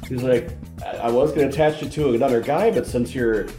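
A man's voice: medium pitch, brisk, faint music behind. Man recapping a movie, roomy sound. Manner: animated retelling, acts out quotes. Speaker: podcast co-host. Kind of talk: casual movie review chat. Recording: roomy echo.

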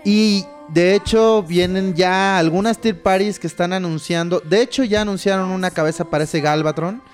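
Faint music sits behind this podcast co-host, whose high voice moves at a normal speed. His casual chat is laid-back and full of slang, delivered in a Mexican Spanish accent with "güey" in nearly every line.

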